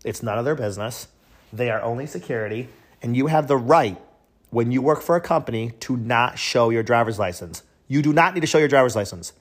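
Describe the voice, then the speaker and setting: A man, a truck driver, telling a story in a rambling, casual rant full of fillers, acting out the people he quotes. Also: medium pitch.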